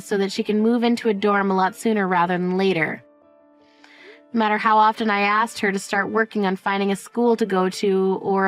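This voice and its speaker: In a lightly acted, first-person dramatized narration, a woman voices a cold, sarcastic middle-aged mother who relates her story with smug, dismissive indifference. Her voice is medium-pitched.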